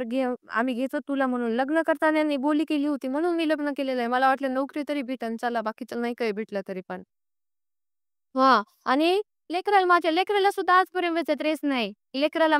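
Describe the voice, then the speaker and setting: High-pitched and a bit bright, a young woman's voice presses a personal complaint on a recorded phone call. She's insistent, aggrieved and pleading, going over the same points in this emotional private conversation, with studio-quality sound and no echo.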